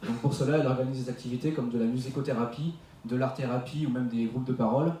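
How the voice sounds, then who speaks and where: French teen student presenter, mellow, distant and echoey. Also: male voice, mid-range voice, steady tone, fast, slight background noise. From France. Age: teens. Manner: explanatory, with fillers. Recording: echoey room from far off.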